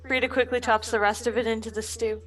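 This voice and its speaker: A woman's voice: on the high side, flat delivery, fast, a bit bright. A woman playing a tabletop role-playing game, chatting casually in and out of her role. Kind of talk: casual role-play chat.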